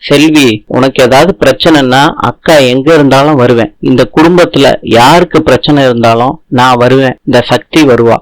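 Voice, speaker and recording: Hurt young wife, loyal to her family read flatly by a man, dry sound. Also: medium pitch, moderate pace, few pauses, no room sound, close to an everyday voice, low-quality recording. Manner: reading the lines flatly in his own voice.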